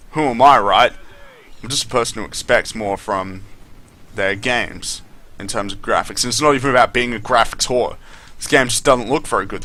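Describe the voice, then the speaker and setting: A man's voice: medium pitch, bright, forceful tone, a little hiss or hum. A man doing casual gameplay commentary, complaining and swearing in a disgruntled way. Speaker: gaming commentator.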